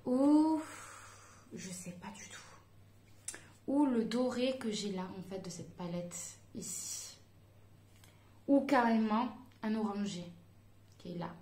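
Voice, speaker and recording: A woman's voice: on the high side, takes it slowly, mellow. A woman chatting casually through a makeup tutorial, hesitant and full of fillers as she talks to her viewers. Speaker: beauty vlogger. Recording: echoey room.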